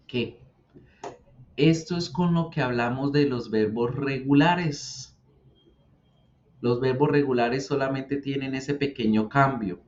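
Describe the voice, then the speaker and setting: Male teacher walking a learner through pronunciation, patient and slow in his repeats, muffled lo-fi recording. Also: medium pitch, darkish tone, slight background noise. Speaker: English teacher. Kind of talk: explaining English grammar and pronunciation. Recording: dull lo-fi sound.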